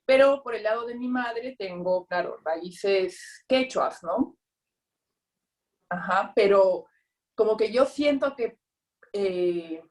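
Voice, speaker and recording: A woman from Peru giving a reflective comment in a discussion, often adding a questioning tag. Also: mid-range voice. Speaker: discussion participant. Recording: voice distant from the mic.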